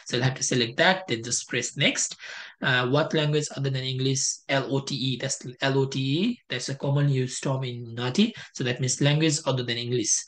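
Speaking at a moderate pace in a steady, mid-range, slightly bright voice, a young Nepali test prep tutor walks through a casual screen-share tutorial step by step. He's on a headset mic in a room at home, and his talk is full of fillers and restarts.

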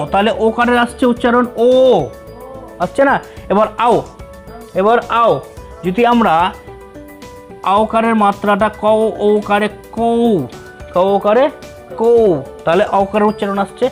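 A man with a strikingly high voice teaches a beginners' reading class. He sounds out each syllable and repeats it patiently, talking to his pupils in a familiar way. Faint music plays underneath. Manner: repeats syllables slowly to drill pronunciation; addresses students familiarly.

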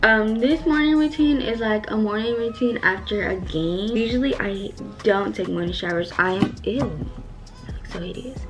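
A teenage girl talks straight to her viewers in an easy, rambling vlog voice, sprinkling "like" and casual slang through every sentence. Her pitch sits right in the middle of the usual range for her age. Clear background music plays under her the whole time. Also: moderate pace, hardly any pauses. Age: teens. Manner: chatty, full of "like" and slang. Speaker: vlogger. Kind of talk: casual chat to camera.

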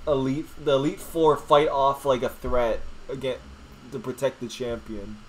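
A man's voice: medium pitch, level tone, normal speed, slight background noise, poor audio. A young man doing casual, jokey gameplay commentary as he hosts a gaming video. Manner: jokey, laughs while talking.

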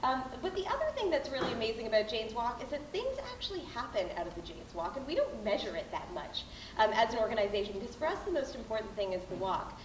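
A woman's voice: fairly high pitch, big pitch swings, quick pace, noisy background. A woman in her thirties with a Canadian accent, chatty and bubbly with many fillers, announcing grants as a board chair to a crowd. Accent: Canadian English. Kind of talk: casual announcement speech. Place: large hall with a mural, indoors. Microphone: far camera, no microphone. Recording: roomy hall from a distant camera.

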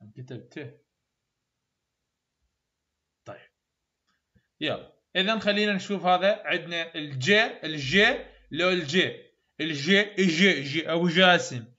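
Iraqi-accented male phonetics teacher, high bright voice, slow drill repeats, muffled class recording. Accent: Iraqi Arabic. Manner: repeats sounds slowly, praises students often.

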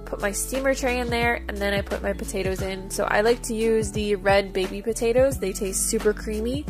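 Over background music, a woman narrates her cooking vlog in a casual, upbeat, chatty way, walking through every step. Her voice is medium-pitched and brisk.

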